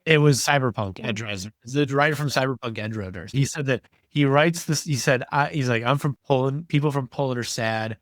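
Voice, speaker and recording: A man's voice: medium pitch, fairly quick, few pauses, no echo, studio quality. A man co-hosting a podcast, giving blunt, opinionated takes in casual chat. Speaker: podcast co-host.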